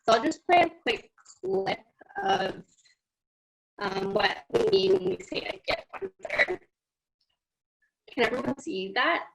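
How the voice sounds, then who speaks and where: A woman with a very high, very animated, fairly bright voice presents slide by slide at an online conference, a little slowly, with vocal fry and frequent pauses, beginning sentences with "so." The poor audio from her video call computer mic keeps cutting out with static.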